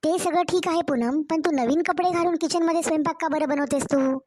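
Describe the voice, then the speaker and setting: Cartoon nagging sister-in-law voiced by a woman, Marathwada accent, high, jabbing delivery. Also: fairly quick, a little mellow, slight background noise, lightly acted. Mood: needling. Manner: taunting, nagging, needling. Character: sharp-tongued married sister-in-law, taunting. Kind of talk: cartoon family story acting.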